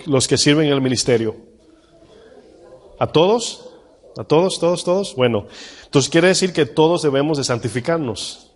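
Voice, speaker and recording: Preaching pastor in a reverberant hall. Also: male voice, on the high side. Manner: asks the congregation questions, reads scripture slowly. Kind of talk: sermon.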